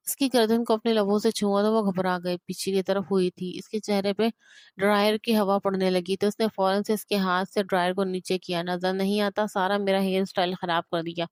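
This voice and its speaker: Smooth-voiced woman narrating a romance novel. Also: medium pitch, no room sound, studio quality.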